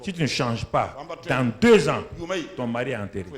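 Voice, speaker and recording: A man preaching a sermon, emphatic and exhorting, building to loud calls to the congregation. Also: medium pitch, very animated, moderate pace. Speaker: pastor.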